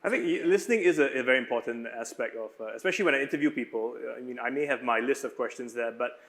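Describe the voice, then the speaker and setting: Thoughtful man, medium pitch. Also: quick pace, fairly bright tone. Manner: thoughtful, conversational. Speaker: panelist who does interviews. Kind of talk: panel discussion.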